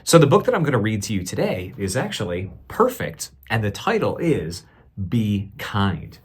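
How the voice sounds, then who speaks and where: A man reads a picture book aloud to children in a teacherly way, expressive and deliberate, stopping to ask the young listeners questions. His voice is on the low side and slightly rough.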